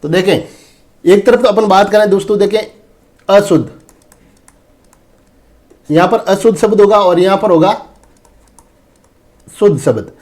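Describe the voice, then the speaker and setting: A man's voice: sits high, a little slow, long pauses, darkish tone. A man teaching an exam-prep lesson on spelling. He talks in a repetitive way and keeps calling his viewers friends and brother. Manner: repetitive, addresses viewers as friends and brother, often says "dekhen".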